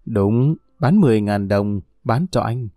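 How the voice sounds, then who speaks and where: A man's voice: on the low side, expressive, unhurried, dark tone, no room sound, studio quality. A man doing a cruel menacing pimp. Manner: harsh, threatening, contemptuous. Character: brutal male pimp, cold and menacing.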